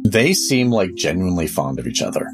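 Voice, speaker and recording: A man's voice: low-pitched, sing-song, a little fast, over music. A man acting as game master, narrating and improvising a tabletop role-playing game.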